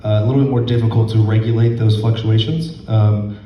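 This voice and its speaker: Young male stand-up, hoarse and halting, self-deprecating; distant mic, dull lo-fi sound. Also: on the low side, fairly even intonation, a little hiss or hum. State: hoarse, losing his voice. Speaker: stand-up comedian. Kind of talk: stand-up set. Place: comedy club stage. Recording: roomy, distant, dull lo-fi recording.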